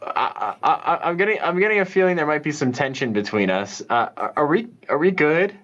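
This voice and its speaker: A man plays his character in a tabletop game, stumbling over his words and restarting. His voice is fairly high and swings up and down a lot. The audio sounds dull and lo-fi. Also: very animated, a little fast, fairly bright tone. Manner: stammering, hesitant. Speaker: player. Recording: muffled lo-fi audio.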